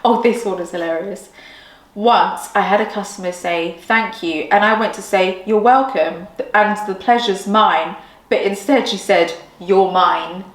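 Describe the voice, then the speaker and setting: A woman's voice: mid-range voice, unhurried. A young woman co-hosting a casual chat podcast, giggly and full of exclamations as she reads out stories. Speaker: podcast co-host. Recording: echoey room.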